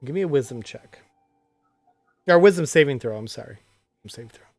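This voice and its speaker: A man's voice: medium pitch, animated, a little fast, music in the background. A man narrating as dungeon master of a tabletop game, rambling with restarts and fillers.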